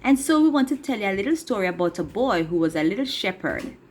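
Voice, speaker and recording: A woman telling a children's story with a puppet, lively and asking the young audience questions. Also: medium pitch, fast, a little hiss or hum. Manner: animated, addresses children directly with questions.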